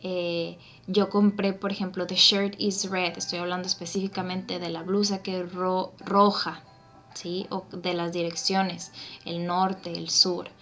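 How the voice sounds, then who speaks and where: A woman teaching English grammar, patient, repeating points and checking in with her students. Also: lowish voice.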